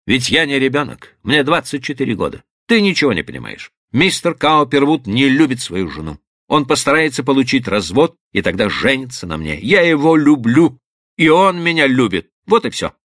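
Defiant young daughter read by a man, heated and stubborn, bright voice, audiobook. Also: medium pitch, big pitch swings, moderate pace, no room sound, clean studio sound. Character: defiant young woman, 24, passionate.

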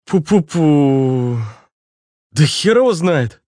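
A man's voice: a little high, expressive, drawn-out words, a little mellow, no echo, voice pushed up. A male narrator voicing a tired, sarcastic young man with a dry, sardonic way of speaking. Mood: wry. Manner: dry, sardonic, swears casually. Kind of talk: audiobook character voice.

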